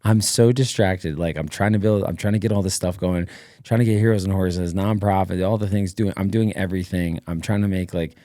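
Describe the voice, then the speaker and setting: A middle-aged man talks as a guest on a podcast, spilling out a long story in an energetic, rambling way full of fillers. His voice sits very low. The sound is close and dry, like a studio mic with no room around it. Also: fairly quick, dry recording. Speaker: podcast guest, former Navy SEAL. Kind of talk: casual interview storytelling.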